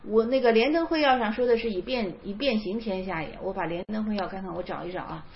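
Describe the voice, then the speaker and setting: A woman's voice: mid-range voice, fast talker, lo-fi sound, slight background noise. A woman giving an informal spoken lecture on Zen stories, repeating phrases for emphasis. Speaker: teacher explaining Zen koans.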